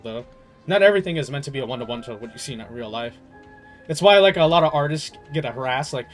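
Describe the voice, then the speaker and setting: Chatting loosely over his gameplay, a livestreamer speaks with a slightly high, a bit bright voice. He rambles and offers opinions in slangy, amused, incredulous terms, with a little swearing.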